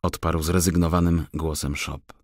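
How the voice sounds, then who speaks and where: A man reading an audiobook for children in an expressive storytelling style, on a studio mic. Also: very deep voice, normal speed, no room sound. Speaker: audiobook narrator. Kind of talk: scripted audiobook narration.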